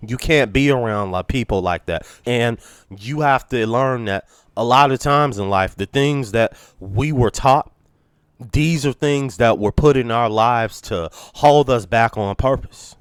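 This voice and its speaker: Congested male vlogger, earnest rambling sermon-like talk, smooth resonant tone, dry close recording. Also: mid-range voice, a little slow, no room sound. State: congested, sick. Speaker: channel host. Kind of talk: monologue to camera.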